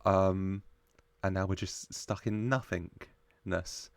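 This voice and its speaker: Low, creaky man reacting casually. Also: steady tone, slow pace, no room sound. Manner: jokey, chuckles often while talking. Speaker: host of a reaction show.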